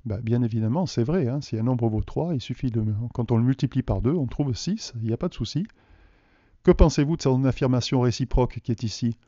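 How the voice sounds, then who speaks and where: A man from France teaches a math lesson to video viewers. His voice is very dark and mellow, and his delivery is patient and explanatory as he poses questions. The recording is dry and dull. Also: medium pitch, fairly quick, no room sound.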